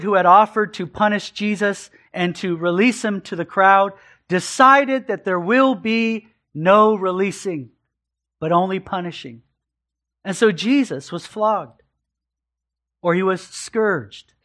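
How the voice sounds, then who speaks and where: A man with a notably high voice delivers an expository sermon from the pulpit. He speaks earnestly and emphatically, and he often repeats a phrase to drive a point home. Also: fairly bright tone. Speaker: pastor.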